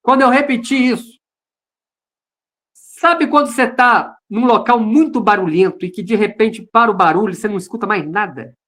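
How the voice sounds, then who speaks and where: A man's voice: high-pitched, normal speed, a bit bright. A Brazilian man, a pastor, sharing his personal testimony in an online service over a video call, earnest and repeating phrases for emphasis. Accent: Brazilian Portuguese.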